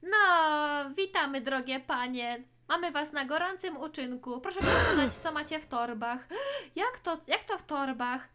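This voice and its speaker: A woman voicing a stern, authoritative police officer in a toy play story, speaking loudly and with command. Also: high-pitched, animated, measured pace. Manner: loud, commanding.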